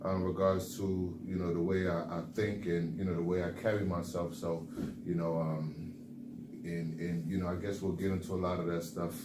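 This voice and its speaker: A young man from the Bronx, New York, co-hosts a motivational podcast, chatting in a laid-back way packed with fillers. His low voice has a flat delivery at a moderate pace, recorded in an echoey room with background noise.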